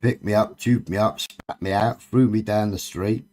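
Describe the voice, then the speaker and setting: A man's voice: fairly low pitch, fairly even intonation, normal speed, a little mellow. A man with a Cornish accent chatting casually on a late-night livestream, bantering and swearing freely. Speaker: live stream host.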